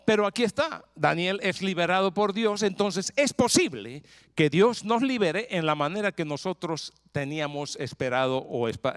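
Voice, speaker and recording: A man preaching a sermon as pastor, retelling a scripture story in a lively way with frequent rhetorical questions. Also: fairly high pitch, smooth, no echo. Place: church in Texas.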